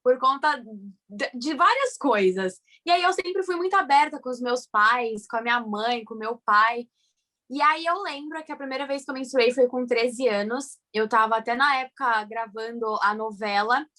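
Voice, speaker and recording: A woman's voice: on the high side, moderate pace. A young woman with a Brazilian Portuguese accent, cheerfully recounting a memory in casual chat. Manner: cheerful, lively retelling.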